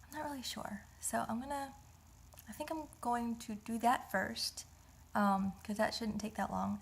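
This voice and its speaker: A woman in her thirties with a medium-pitched, gravelly, husky voice chats casually to the camera in a home vlog. Indoors at the family house, she rambles and thinks aloud, restarting often.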